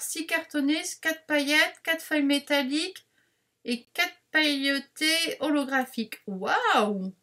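A woman chatting to her viewers while unboxing craft supplies, rambling, excitable and quick to apologize. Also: sits high. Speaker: craft vlogger unboxing a parcel. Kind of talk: casual unboxing chat to viewers.

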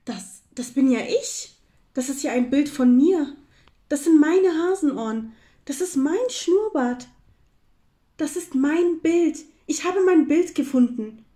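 A woman voicing a young male hare in a children's story, excited and possessive. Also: takes it slowly. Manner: high, excited, whiny.

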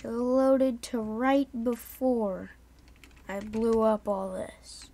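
A woman giving casual gameplay commentary in a sleepy monotone, having just woken up. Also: fairly high pitch, drawn-out words. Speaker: gaming YouTuber.

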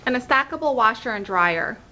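A woman's voice: fairly high pitch, animated, a little fast, pushed and bright, muffled recording. A woman in her thirties, a real estate agent, giving an upbeat room-by-room tour of a rental condo, filmed on a handheld camera. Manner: upbeat, pointing things out room by room. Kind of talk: walkthrough narration of a rental tour. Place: outdoors at a front door, then walking through an empty condo.

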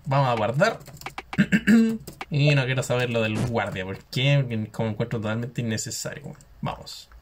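A man's voice: medium pitch, animated, background noise. Chilean man reading game text aloud. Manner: reads text haltingly with restarts, slangy asides. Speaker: gameplay streamer. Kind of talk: reading game dialogue aloud with casual asides.

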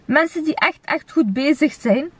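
A woman's voice: sits high, animated, moderate pace. A young woman with a Flemish accent chatting casually, slangy, with Arabic interjections. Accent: Flemish Belgian. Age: young adult. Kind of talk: casual chat. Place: inside a car.

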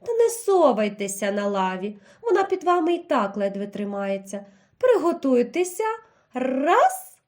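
A woman voicing an old male hedgehog doctor who speaks politely and calmly, with a quietly mocking edge. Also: sits high, measured pace. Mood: calmly sly. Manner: polite, calm, gently mocking.

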